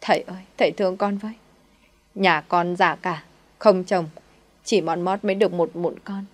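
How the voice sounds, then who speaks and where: A woman's voice: lowish voice, steady tone, moderate pace, natural voice. A woman voicing a poor, humble old mother who pleads tearfully. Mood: desperate.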